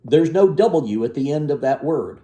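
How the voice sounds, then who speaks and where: A man's voice: fairly high pitch, lively intonation, moderate pace, warm tone. A man co-hosting a casual chat, explaining things in a wry, explanatory manner. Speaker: co-host. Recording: roomy echo.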